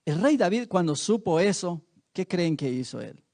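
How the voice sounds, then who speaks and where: High-voiced, animated male preacher. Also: normal speed. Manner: dramatic storytelling with rhetorical questions to the congregation. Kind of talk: sermon. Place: church.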